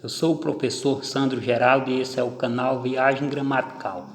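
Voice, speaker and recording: A man's mid-range voice, with little pitch movement, teaches Portuguese grammar slowly and deliberately, counting syllables one by one as he explains each step. There's slight background noise and long reverb from an echoey room.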